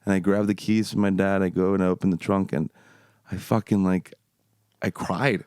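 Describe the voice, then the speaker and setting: A man's voice: sits low, flat delivery, normal speed, a little mellow, smooth, no echo, clean studio sound. A man co-hosting a podcast, telling stories in casual chat, full of swearing and laughter. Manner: profane, laughing storyteller. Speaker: podcast co-host.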